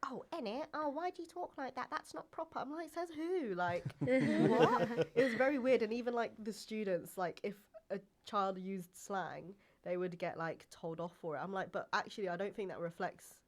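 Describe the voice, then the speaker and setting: This young Englishwoman, a podcast guest, chats casually at normal speed with few pauses, peppering her speech with "like" and "um." Her voice sits in the mid-range.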